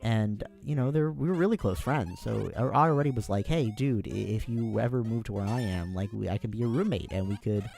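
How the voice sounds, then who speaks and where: A man's voice: lowish voice, brisk, creaky, few pauses, a little mellow, soft background music. An American man chatting on his own during a livestream, rambling and self-deprecating with plenty of fillers. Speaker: streamer.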